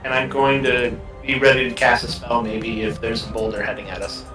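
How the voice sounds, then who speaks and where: Male game player, mid pitch, casual table talk, roomy and a little off-mic. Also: flat delivery, a little fast, far from the mic. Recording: echoey room, slightly off-mic, music.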